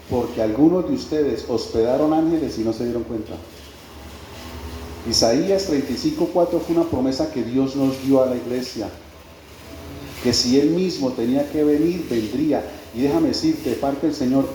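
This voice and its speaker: In a very echoey church hall with faint noise in the background, a pastor delivers his sermon in a warm, mid-range voice. He keeps repeating phrases and challenging the congregation with pointed questions.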